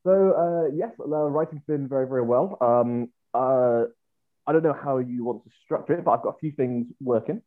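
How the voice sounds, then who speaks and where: Guest, male, hesitant and rambling, heard over a thin phone-like line. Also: mid-range voice. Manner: hesitant, many fillers and restarts, quick bursts. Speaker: podcast guest. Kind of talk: casual podcast chat. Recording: tinny phone-like remote line.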